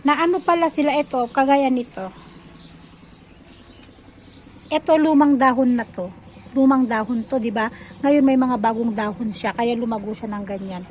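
A woman's voice: a little high, steady tone, moderate pace, long pauses, darkish tone, rough recording. A woman chatting casually in a home vlog, narrating outdoors in her garden while recording on a phone. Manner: chatty, mixing Tagalog and English. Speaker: vlogger. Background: faint outdoor ambience and tractor noise.

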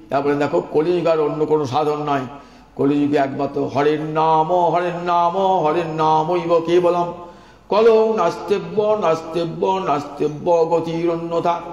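A man's voice: fairly high pitch, darkish tone, muffled recording. A man giving a devotional sermon, chanting sacred names and urging his listeners on. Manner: chanting names in a rising sing-song, exhorting listeners. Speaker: preacher. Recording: roomy hall with long reverb.

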